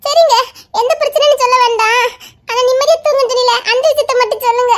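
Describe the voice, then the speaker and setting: A woman's voice: very high-pitched, steady tone, fast. A woman pleading and laughing in a casual couple chat, whining as she coaxes her husband to talk. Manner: pleading, laughs and whines while coaxing. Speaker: wife in a couple vlog.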